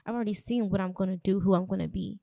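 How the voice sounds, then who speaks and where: A young woman hosts her own podcast, speaking in a candid, reflective and chatty way straight to her listeners. Her voice has a gravelly, fry-tinged edge and sits at a middle pitch. It is recorded dry and close, with no room sound. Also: fairly even intonation, very fast, mellow, dry recording. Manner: chatty, addresses listeners directly. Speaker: podcast host. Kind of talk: casual personal monologue.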